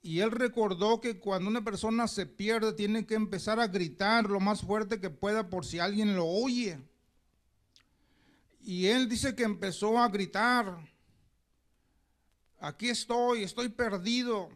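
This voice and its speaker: A man's voice: sits high, a little slow. A pastor preaching a sermon, telling a story and calling the congregation brothers as he goes.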